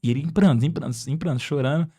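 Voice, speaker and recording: A young man, casually telling an evangelism testimony in an animated, slangy way. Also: a little high, fast, slightly rough. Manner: animated, peppers speech with slangy address to listeners.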